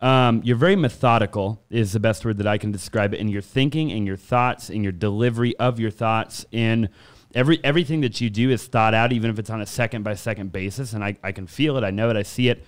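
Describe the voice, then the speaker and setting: A man's voice: lowish voice, quick pace, clean tone. A male interviewer in a casual conversation who talks effusively and rambles a little as he puts his questions. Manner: effusive and rambling, backs his guest up often.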